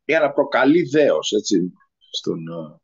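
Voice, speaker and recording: A man speaking as a guest on a talk radio show, hesitant and full of filler sounds, with a husky voice. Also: lowish voice, very animated. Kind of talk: unscripted radio conversation. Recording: lo-fi radio recording.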